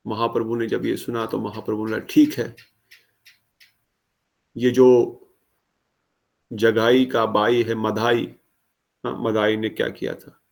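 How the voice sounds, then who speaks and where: A preacher gives a devotional discourse, retelling a sacred story with animation, acting out the dialogue and asking the audience questions. His voice is lowish and gravelly, and he speaks slowly, pausing often.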